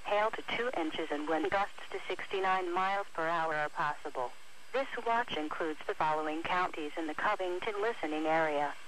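A text-to-speech female voice, low-pitched yet fairly bright, speaks at normal speed as an automated announcer. She reads a scripted weather bulletin, heard through a noisy radio broadcast recording.

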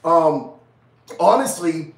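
Speaking slowly yet animatedly, this livestream host has a slightly high voice, recorded from a distance in an echoey room. He's in his thirties, nasal and congested with a head cold, and reads viewers' chat aloud in a relaxed, slangy manner inside a small neon-lit studio.

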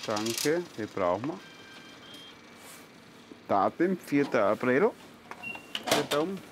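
A man's voice: mid-range voice, sing-song, takes it slowly. A man in his fifties with a Styrian Austrian accent, a carpenter chatting casually and repeating himself, in city streets and on a train. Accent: Styrian Austrian German. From Austria, near Graz. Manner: chatty, repetitive, exclaims "ein Wahnsinn". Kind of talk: casual chat, broken simple phrasing to foreigners.

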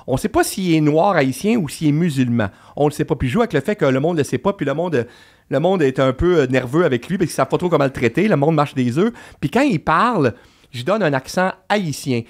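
A man's voice: a little high, animated, fairly quick. A man with a Québécois French accent, a guest novelist in casual podcast chat, emphatic and swearing casually.

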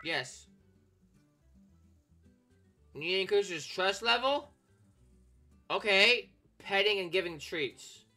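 A man giving joking, casual commentary as he plays a video game, now and then breaking into excited shouts. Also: sits high, slow, pauses often, faint music behind. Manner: joking, bursts into shouts while playing. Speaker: gaming YouTuber.

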